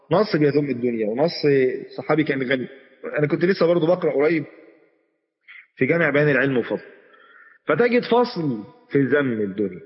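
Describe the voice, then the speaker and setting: Here the Egyptian-accented sheikh has a mid-range voice as he gives his conversational Islamic lesson, speaking straight to the listeners and repeatedly restarting sentences. He is recorded in a large hall with the high frequencies cut off.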